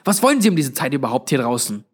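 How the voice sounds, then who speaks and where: A man's voice: sits high, sing-song, fast, voice pushed up. A man voicing a stern, snappish old woman who runs a lonely motel, hissing and scolding. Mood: sharp.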